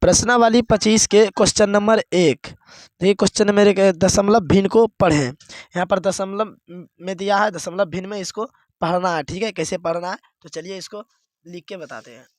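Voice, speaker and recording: A man with a high voice teaches a math lesson step by step and keeps checking that his listeners follow along. The recording is dry and close, with no room sound. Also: normal speed, dry recording. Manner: explains step by step, repeats "dekhiye" and "theek hai".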